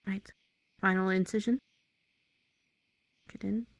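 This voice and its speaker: A woman improvises a roleplay as a town medic tending a wounded hunter, speaking hesitantly and matter-of-factly. Her voice is medium-pitched with fairly even intonation and a slow pace, recorded with no echo.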